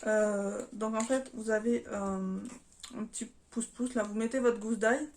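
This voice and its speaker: Chatty French woman, slightly high voice. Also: fairly even intonation, a little slow, noisy background. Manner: chatty, hesitant with many fillers, self-deprecating. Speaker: vlogger. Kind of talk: casual unboxing vlog.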